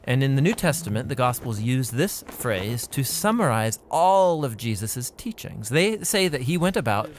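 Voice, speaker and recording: A man with a mid-range, sing-song voice speaks at normal speed with hardly any pauses. He co-hosts an educational Bible video series, delivering scripted yet conversational explanations with emphatic phrasing. Clear background music sits under his voice, with slight background noise.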